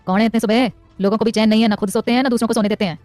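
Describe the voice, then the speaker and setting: A woman voicing an older male moneylender who talks in a measured, wry way. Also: a little high, steady tone, a little mellow, faint music behind, lightly acted. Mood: grumpy.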